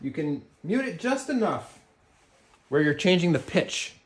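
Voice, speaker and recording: Canadian man teaching jaw harp. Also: fairly high pitch. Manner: relaxed, halting with fillers and restarts. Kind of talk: casual tutorial.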